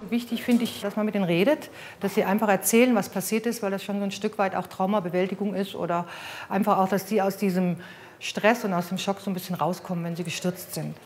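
Middle-aged nurse, friendly and direct. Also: female voice, mid-range voice, fairly even intonation, fast talker, darkish tone, slight background noise. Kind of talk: instructing patients and interview. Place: hospital ward.

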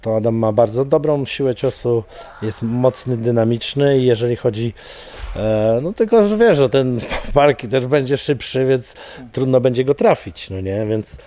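Dark-voiced middle-aged man, rambling coach. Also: medium pitch, moderate pace. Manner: rambling, many fillers and repeated words. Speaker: MMA coach. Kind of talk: casual interview talk. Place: studio with banner backdrop.

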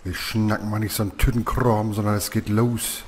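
A man giving casual let's play commentary as a gaming creator in a relaxed, subdued way. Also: lowish voice, brisk, a little hiss or hum.

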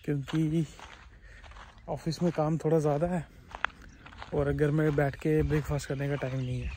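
A man's voice: on the high side, level tone, moderate pace, dark tone, a little hiss or hum. A man in his thirties casually vlogging his day at a small factory, chatting and explaining things as he goes. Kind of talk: casual vlog. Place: small tile factory and car.

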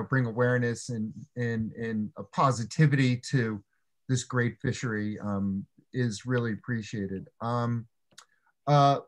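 A man on a video call, a fishing guide, thanking the guest in a grateful, friendly way. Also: medium pitch. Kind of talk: casual video call discussion.

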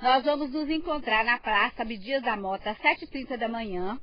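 High-voiced Brazilian woman being interviewed. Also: normal speed. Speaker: event coordinator. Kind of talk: interview statement. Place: outdoors on a farm. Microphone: handheld reporter microphone. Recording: dull TV field audio.

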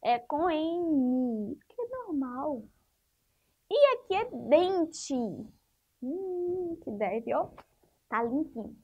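A woman's voice: sits high, big pitch swings, very slow, long pauses, lo-fi sound. A woman teacher giving a spelling lesson to young children, asking the class questions and patiently repeating each rule. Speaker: primary school teacher.

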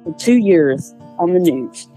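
A middle-aged woman with a lowish, mellow voice tells her own hard story in an interview. She laughs nervously between painful memories, acts out other people's words, and her voice climbs when she gets indignant. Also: animated, unhurried, faint music behind, rough recording. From East Texas. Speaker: interviewee, accused mother. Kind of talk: recounting a personal ordeal in an interview.

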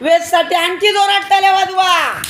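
A woman preschool teacher with a Marathi accent teaching young children in class, asking question after question and urging them to answer louder. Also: very high-pitched, steady tone, moderate pace, background noise.

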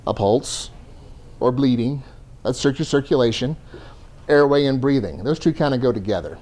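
A mid-range, slightly mellow male voice at a moderate pace. He teaches a first aid class to a room in a classroom lecture, conversational and joking as he explains.

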